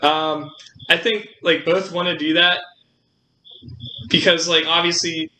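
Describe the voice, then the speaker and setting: Brief: young male co-host, very bright voice, rambling filler-heavy chat, echoey room. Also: on the high side, level tone, a little slow. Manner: rambling, many fillers and restarts. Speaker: podcast co-host. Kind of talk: casual chat. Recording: roomy room with faint noise.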